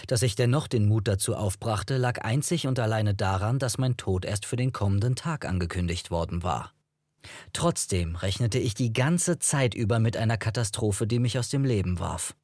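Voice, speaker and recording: A man narrates a first-person novel in a low, measured voice, telling the story at a steady pace. The recording is dry and close, with no room echo at all. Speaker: audiobook narrator.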